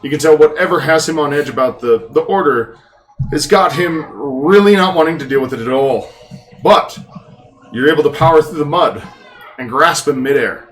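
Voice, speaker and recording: A man narrating a tabletop game as game master, improvising descriptions and halting as he searches for words. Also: a little high, a bit bright, faint music behind, poor audio.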